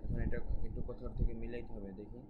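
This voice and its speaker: A man teaching Quran recitation, chanting verses slowly and explaining pronunciation rules in a soft, conversational voice. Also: medium pitch, flat delivery, phone-quality sound. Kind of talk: tajweed lesson with Bengali explanation. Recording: loud background noise.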